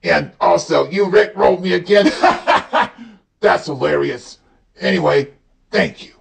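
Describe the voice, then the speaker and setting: A woman voice actress chatting casually and slowly, laughing often as she reacts to a video. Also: on the low side, vocal fry, far from the mic. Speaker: voice actress reacting to a fan-made premiere. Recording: roomy echo, off-mic, faint music behind.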